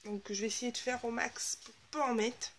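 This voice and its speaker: A woman's voice: on the high side, little pitch movement, moderate pace, fairly bright tone, a little hiss or hum. A woman hosting a casual scrapbooking video, chatting and thinking aloud as she works, sometimes dropping into half-whispers. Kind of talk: casual crafting tutorial chat.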